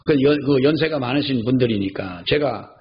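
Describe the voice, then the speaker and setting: A man's voice: medium pitch, animated, moderate pace. An older man pastor preaching a sermon in a church, telling stories and repeating key phrases for emphasis. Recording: slightly dull recording, faint background noise.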